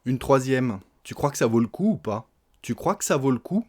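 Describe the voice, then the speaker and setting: Lively man teaching everyday French phrases. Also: mid-range voice, moderate pace. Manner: explains phrases, then acts them out in lively example dialogue; frequent tag "hein". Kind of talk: spoken French lesson.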